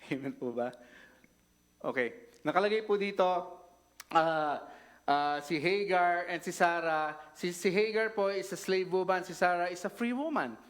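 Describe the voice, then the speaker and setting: Man, preacher, casual conversational sermon, frequent tag questions, slightly high voice. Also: a bit bright.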